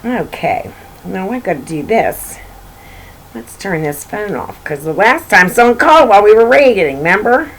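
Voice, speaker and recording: A woman with a medium-pitched, expressive voice hosts a children's read-aloud at a moderate pace, talking directly to her young listeners with asides and repeated phrases as she reads a picture book. The recording is low quality, with a little hiss or hum.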